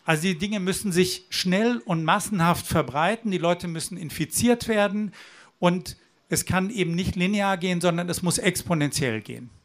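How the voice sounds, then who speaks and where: A man's voice: sits high, moderate pace. A man from southwestern Germany giving an earnest, persuasive speech at a demonstration, with the odd restart. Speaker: rally speaker. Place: outdoor rally.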